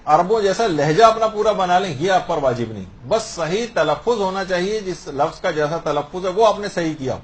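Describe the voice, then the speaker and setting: A man's voice: sits high, lively intonation, few pauses, slight background noise. A man with a Pakistani Urdu accent, a religious scholar teaching prayer rules by posing common questions and answering them. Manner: explains through questions and answers.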